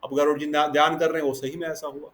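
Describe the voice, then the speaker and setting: A man with a slightly high voice teaches a devotional scripture class, moving through stories and explanations. He switches freely between Hindi and English and turns to his students with questions. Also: flat delivery, fast, a bit bright.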